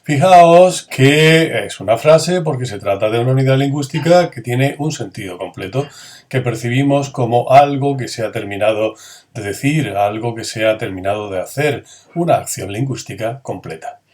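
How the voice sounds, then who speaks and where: Speaking at a normal pace in a mid-range, darkish voice, a man gives a grammar lesson. He asks the class questions and supplies the answers himself, demonstrating how each example sentence should sound.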